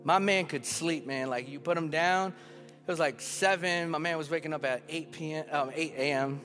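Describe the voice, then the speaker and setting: A man's voice: a little high, moderate pace, fairly bright tone, in a large hall, faint music behind. A man in his thirties preaching a sermon, emphatic and building with repeated phrases, telling a story from his own family life. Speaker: pastor. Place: church sanctuary.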